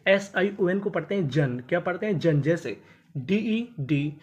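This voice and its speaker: Husky and a little slow, yet lively in intonation, the teacher spells out English words one letter at a time, sounds them out, and explains what each means. The final word of each list gets a drop in pitch during this spelling and phonics lesson.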